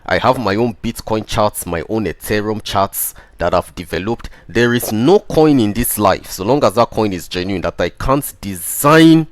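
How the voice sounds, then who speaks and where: Man, deep voice, dry sound, crypto-bro pitch, chart commentary, insistent, repetitive, self-assured. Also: no room sound. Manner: emphatic, self-assured proclaiming. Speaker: crypto trading host who calls himself a prophet.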